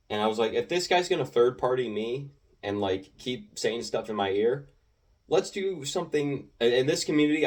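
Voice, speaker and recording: A teenage boy with a slightly low voice recounts his online matches in a loose, rambling way. He jumps between thoughts, fills gaps with ums and likes, and gets animated as he goes. The mic picks him up from a little distance. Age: teens. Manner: rambling, animated, full of filler words and restarts. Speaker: gaming video creator. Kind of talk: casual storytelling commentary.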